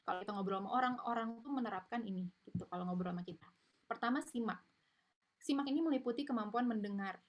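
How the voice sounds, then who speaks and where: A woman's voice: fairly high pitch, fast talker, highs cut off. A woman giving an informal online parenting lecture, chatty and explanatory, with frequent tag fillers, over a video call mic. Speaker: parenting webinar speaker.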